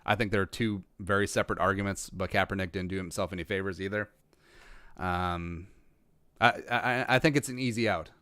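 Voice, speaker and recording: With a low-pitched, steady voice that comes across pushed, bright and smooth, a man from rural Minnesota reads viewer questions at a brisk clip. He's a podcast host on a casual livestream, musing rambly with many restarts and dry, self-aware humor. No echo is present.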